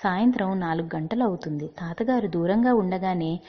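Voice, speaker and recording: A woman narrating an audiobook story in a measured, unhurried way, in a dull recording with long reverb. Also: on the low side. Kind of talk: audiobook reading.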